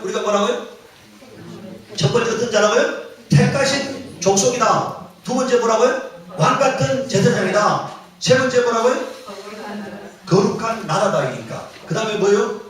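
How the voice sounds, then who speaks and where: High-voiced preaching man in an echoey hall. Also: a bit bright. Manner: call-and-response questioning of the congregation; emphatic, repeating key phrases. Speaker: pastor. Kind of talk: sermon. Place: church sanctuary. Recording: very echoey church hall, mic at a distance.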